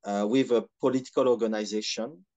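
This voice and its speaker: A man from Benin with a Beninese French accent gives reflective interview answers in measured, hesitant phrases with frequent pauses. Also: lowish voice, steady tone, darkish tone, highs cut off. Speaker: podcast guest, historian and activist.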